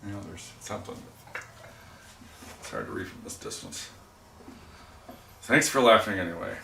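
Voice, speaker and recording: A man's voice: fairly low pitch, big pitch swings, moderate pace, vocal fry, sharp tone. Rambling man in an echoey studio. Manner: rambling, self-deprecating jokes. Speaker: potter livestreaming from his studio. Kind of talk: casual livestream chat while working. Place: pottery studio, indoors. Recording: echoey room, distant mic, noisy.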